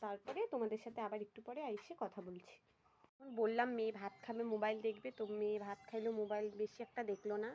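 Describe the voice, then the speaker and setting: A woman's voice: medium pitch, fairly even intonation, fast, a little mellow, a little hiss or hum. A young woman chatting casually to viewers about her household chores in a vlog. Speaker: vlogger. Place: rural home and riverside.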